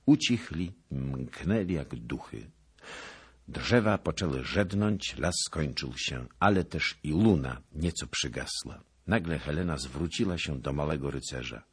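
A man narrating an audiobook with a very deep, husky voice. His pitch moves a lot, and his tone is bright and sharp. The delivery is dramatic and rises with the action. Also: animated, measured pace.

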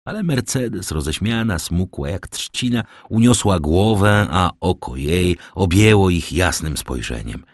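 A deep-voiced male narrator reads a classic novel slowly and expressively, his pitch rising and falling with the story. The sound is dry and close, with no room around it. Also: animated, no room sound. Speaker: audiobook narrator. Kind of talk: classic novel audiobook reading.

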